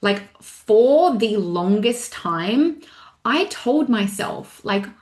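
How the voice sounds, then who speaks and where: A young adult woman coaching in a casual, animated way, with lots of fillers like "like" and "right". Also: medium pitch, drawn-out words. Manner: casual, filler-heavy with frequent "like", animated retelling. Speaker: mindset coach. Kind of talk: motivational talk. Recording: echoey room.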